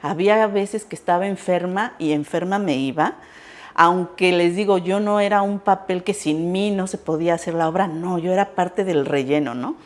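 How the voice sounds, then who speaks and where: A woman's voice: on the low side, normal speed. A woman telling a personal story casually, animatedly acting out the voices she quotes. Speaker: recipe vlogger.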